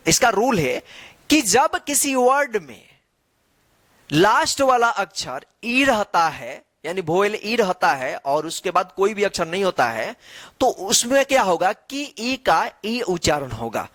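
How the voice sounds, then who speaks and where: A male English teacher giving a classroom-style lesson. He spells letters out slowly and answers his own questions. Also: sits high, fairly bright tone, no room sound.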